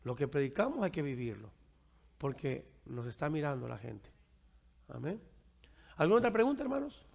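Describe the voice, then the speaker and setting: A man's voice: a little high, sing-song, moderate pace, vocal fry, big-room sound. A man preaching to his congregation and taking their questions, with a habit of asking "right?" after his points and calling his listeners brother. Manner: keeps asking "¿verdad?" and addresses listeners as brother. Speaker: pastor.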